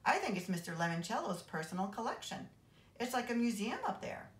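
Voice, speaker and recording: Brief: woman reader as offhand chatty girl, lively pitch. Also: fairly quick, slight background noise, close to an everyday voice. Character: casual, offhand schoolgirl friend. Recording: roomy echo.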